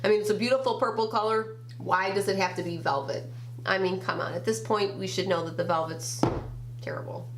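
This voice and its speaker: Recorded by a desk-distance camera with a little hiss or hum, a grandmother who vlogs about beauty reviews makeup in her small bedroom, naming every shade in turn. A summer cold leaves her mid-range voice nasal and stuffed-up; she keeps a steady tone and talks a little fast.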